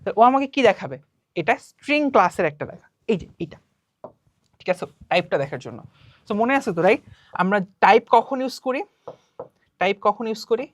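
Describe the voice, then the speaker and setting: A woman's voice: mid-range voice, lively intonation, brisk, pauses often, no room sound. A young woman teaching an online class, talking casually and asking and answering her own questions as she works through quiz items.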